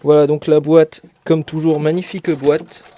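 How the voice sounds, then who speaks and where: A man with a slightly high, mellow voice and fairly flat pitch talks at a moderate pace. He's a LEGO reviewer doing a casual unboxing, hesitant and stuffed with fillers, tossing in the occasional joke.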